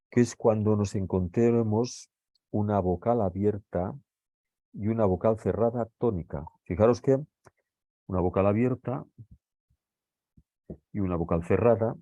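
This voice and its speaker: A man's voice: low-pitched, dark tone, dry recording. A male teacher from Spain giving a grammar lesson, explaining patiently step by step and often checking in with his listeners. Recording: dull lo-fi recording.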